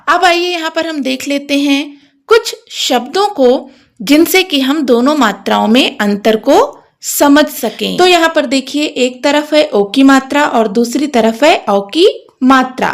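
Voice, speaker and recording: A woman teaching a language lesson, slowly drilling letters and syllables one by one. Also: high voice. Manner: slow, deliberate drilling of syllables. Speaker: Hindi teacher. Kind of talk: explanatory lesson, spelling out letters.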